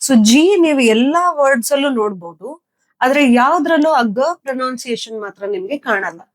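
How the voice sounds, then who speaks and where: A young woman teaching spoken English with a Kannada-accented Indian English, explaining slowly and repeating word lists for practice. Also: sits high, expressive, no echo, low-quality recording. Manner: slow, deliberate explaining, repeating words for practice.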